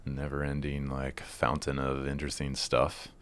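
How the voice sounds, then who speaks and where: A man's voice: rumbling low, completely flat delivery, normal speed, fairly bright tone, clean tone. A man speaking as a podcast guest, chatting informally and often saying "like" and "you know". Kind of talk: casual interview chat.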